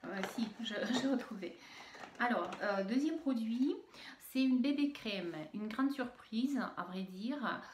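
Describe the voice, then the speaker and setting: A woman's voice: a little high, expressive, takes it slowly, reverberant, slight background noise. A woman with a Russian accent, chatting casually as she unboxes beauty products, hesitant with many fillers and restarts. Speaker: beauty vlogger. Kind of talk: unboxing video, casual chat.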